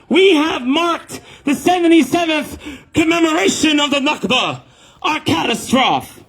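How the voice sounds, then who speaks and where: A man speaking at an outdoor protest rally as a community organizer, shouting his speech to the crowd. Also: extremely high pitch. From Palestine. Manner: shouted chant leading. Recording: noisy outdoor crowd recording. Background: crowd and outdoor noise.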